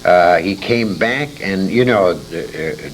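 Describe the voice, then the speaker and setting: An older American man, a veteran radio performer, looks back on his career in an interview, speaking slowly and telling anecdotes with emphasis. He acts out quoted dialogue and repeats words to drive points home. The tape is a noisy 1980s convention recording with rumble.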